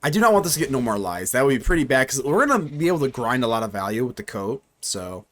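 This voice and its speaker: Talking fast at a medium pitch, a young streamer narrates a card game live in a loose, jokey way. He's animated and keeps addressing both his chat and himself.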